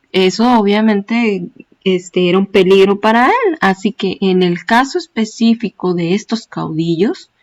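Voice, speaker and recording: A woman's voice: medium pitch, darkish tone. A woman with a Mexican accent giving an informal history lecture, chatty and colloquial, full of fillers and tag questions. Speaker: history teacher.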